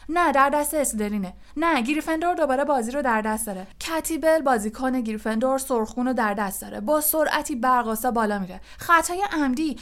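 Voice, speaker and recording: A woman voicing an excitable young male quidditch commentator in an audiobook, calling the match fast and loudly taking sides. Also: a little high, pitched above the performer's own voice, natural voice. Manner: rapid, shouting, openly partisan commentary. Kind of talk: audiobook character voice.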